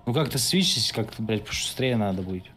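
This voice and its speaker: A man's voice: on the low side, animated, fairly quick, a bit bright. A man leading an online game raid over voice chat, giving blunt, bossy, profane instructions. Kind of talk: casual gaming voice chat, calling instructions. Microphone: online voice-chat microphone. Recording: slightly noisy gaming voice chat.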